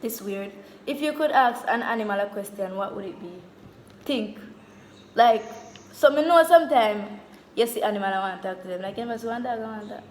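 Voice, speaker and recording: Jamaican woman vlogger, higher voice, loose patois chat, roomy echo. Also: fairly quick, slight background noise. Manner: relaxed patois chatter, often soft-spoken. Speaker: YouTuber host. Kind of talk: casual mukbang chat. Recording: echoey room.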